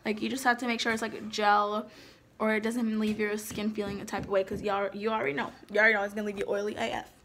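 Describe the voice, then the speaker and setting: A woman's voice: medium pitch, little pitch movement, fast talker, a bit bright, slight background noise. A young woman in her twenties chatting casually to viewers about a shopping haul, full of fillers, recorded on a phone at home. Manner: chatty, filler-heavy, addresses viewers directly. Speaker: beauty vlogger. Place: home kitchen, indoors.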